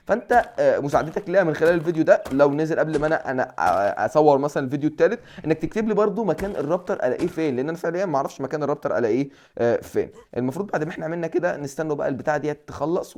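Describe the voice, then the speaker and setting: A man's voice: mid-range voice, a little mellow. A young Egyptian man with an Egyptian Arabic accent, chatting casually and thinking aloud as he plays a mobile game, self-mocking and full of fillers. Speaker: gaming channel host.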